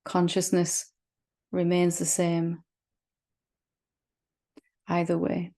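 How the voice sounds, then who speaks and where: A spiritual teacher guides a meditation, her voice gentle and reassuring, with long, unhurried pauses. She speaks on the low side with a completely flat delivery.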